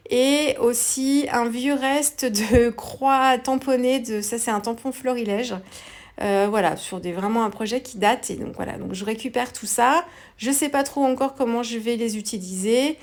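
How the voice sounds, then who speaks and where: A woman's voice: a little high, moderate pace. Woman, hesitant tutorial talk. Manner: relaxed, hesitant, many fillers. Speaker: craft tutorial presenter. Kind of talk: voice-over craft tutorial.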